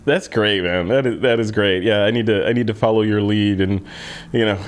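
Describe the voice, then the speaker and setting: A man's voice: lowish voice, fairly quick. A man hosting a podcast interview, chatty and rambling, often laughing at himself. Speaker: podcast host. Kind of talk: casual interview chat.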